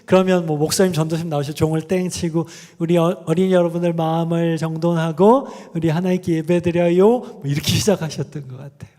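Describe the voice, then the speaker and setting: A man gives a conversational sermon as a guest professor, often turning to the congregation with questions. His voice sits high for a man. The sound carries a long reverb from the church sanctuary. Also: fairly even intonation, quick pace, hardly any pauses, dark tone. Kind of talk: sermon with sung examples.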